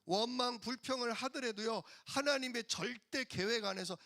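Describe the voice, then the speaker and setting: A man's voice: very high voice, moderate pace, bright, forceful tone, no echo, clean studio sound. A male pastor preaching a sermon in a church, emphatic and firing rhetorical questions at the congregation.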